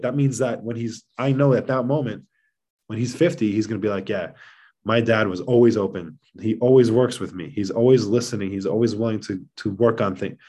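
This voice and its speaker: This podcast guest, a father of seven, has a husky, mid-range voice with a darkish tone. Talking casually, he explains things in an earnest, emphatic way.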